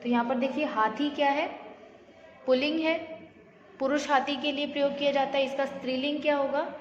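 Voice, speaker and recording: A woman's voice: high voice, steady tone, a little fast, slight background noise. A woman teaching a grammar lesson, asking her students questions and then answering them herself, with English words mixed in. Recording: echoey room, slightly dull audio.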